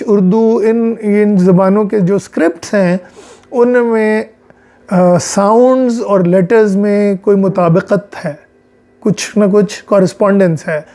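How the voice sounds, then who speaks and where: A man with a Pakistani Punjabi accent delivers a measured psychology lecture, slipping in English phrases as he explains. His voice sits high for a man but sounds dark and mellow. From central Punjab, Pakistan.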